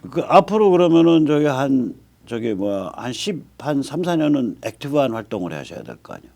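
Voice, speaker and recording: Lively, interrupting older male talk host. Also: medium pitch, a little fast, creaky. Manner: lively, cuts in often, stammers at the start of phrases. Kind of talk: political talk show conversation.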